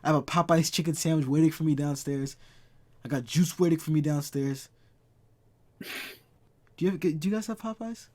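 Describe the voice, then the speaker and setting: A man's voice: on the high side, normal speed, long pauses, darkish tone. A man in his twenties hosting a casual chat, ranting and swearing freely. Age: 20s. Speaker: podcast host.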